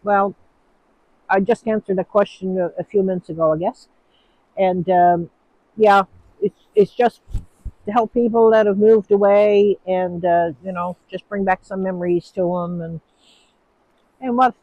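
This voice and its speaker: A woman's voice: medium pitch, fairly even intonation, a little slow, long pauses, no room sound, lo-fi sound. A woman from Newfoundland with the local accent chats to her phone out in the snow. Her talk wanders and stalls on little uhs. The sound is close and dry. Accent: Newfoundland English. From Newfoundland, Canada. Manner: rambling, chatty, hesitant with many uhs. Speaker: vlogger answering viewer questions. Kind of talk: casual chat. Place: outdoors, with snow falling.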